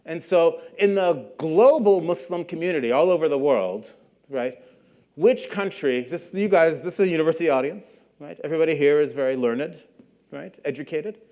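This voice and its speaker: A warm, somewhat high-pitched voice belongs to a middle-aged Canadian guest lecturer at a university. He talks conversationally and regularly checks in with listeners using questions and a quick "right?"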